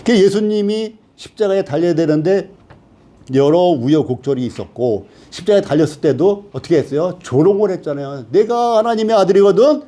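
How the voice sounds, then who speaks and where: A man's voice: on the high side, lively intonation, a little fast, warm tone. A man teaching a Bible study class who keeps asking the class questions and then answering them himself.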